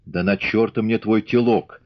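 A man's voice: fairly low pitch, steady tone, moderate pace, close to an everyday voice. A man voicing a stern, hot-tempered old Cossack father in an audiobook, firm and commanding, snapping out his words. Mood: angry. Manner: shouts and snaps, firm and commanding. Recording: dull lo-fi audiobook recording.

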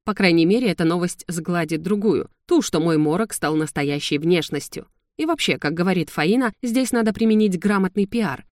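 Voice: medium pitch, lively intonation, normal speed, few pauses, no echo, clean studio sound, natural voice. A reader voicing a young winged gargoyle prince who speaks with defiant irony. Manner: menacing at times, ironic.

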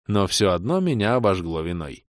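Low-voiced man reading an audiobook. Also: big pitch swings, normal speed, no room sound, studio quality. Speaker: audiobook reader. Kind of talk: first-person audiobook narration.

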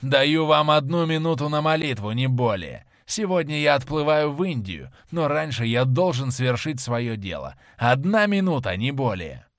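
A grim, vengeful sailor, voiced by a male reader speaks slowly and heavily, each word a threat. His pitch swings widely between low growls and sharp rises. The audiobook sound is dry and close. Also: animated, no echo, close to an everyday voice. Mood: commanding. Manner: slow, heavy, menacing delivery. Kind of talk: audiobook character reading.

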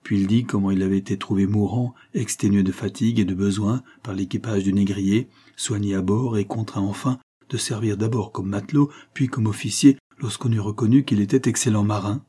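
A man narrating a classic novel in a steady, measured audiobook reading. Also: fairly low pitch, breathy edge.

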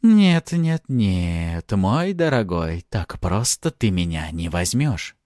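A man's voice: medium pitch, sing-song, normal speed, a little mellow, no room sound, studio quality, pitched above the performer's own voice, close to an everyday voice. A man voicing a cruel, playful female succubus demon in an audiobook, taunting and sneering. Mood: mocking. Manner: taunting, sing-song sneer. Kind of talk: audiobook character voice.

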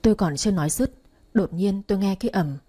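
A woman narrating a story with a steady, measured reading. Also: mid-range voice, husky. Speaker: audiobook narrator.

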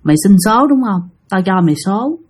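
A woman voicing a menacing female ghost risen from a grave, speaking in a deep, growling, commanding voice. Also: big pitch swings, fairly quick, a little mellow, husky. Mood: threatening. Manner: threatening, commanding.

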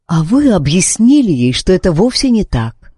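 A man reading an audiobook voices a calm, firm young nurse who speaks in a level, assured way. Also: sits high, normal speed, slightly rough, no echo, clean studio sound, voice pushed up, full character voice.

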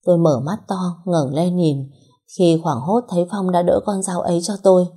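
A young woman narrating a first-person story in a measured, steady way. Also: lowish voice, husky.

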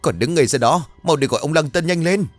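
A man voicing an old village couple, hurried and anxious. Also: on the high side, dry recording, faint music behind, voice pushed up, close to an everyday voice. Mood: alarmed.

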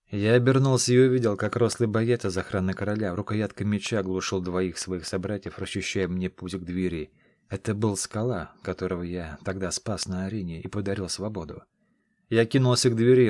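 A man reading scripted first-person fantasy narration in a steady, measured storytelling manner. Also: fairly low pitch, dry recording. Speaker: audiobook narrator.

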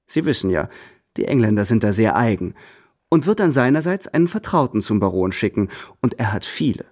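An actor playing a proud, composed young tutor in a radio drama, speaking in a measured, cool way. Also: male voice, fairly low pitch, big pitch swings, darkish tone. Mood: defiant. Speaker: first-person narrator and protagonist.

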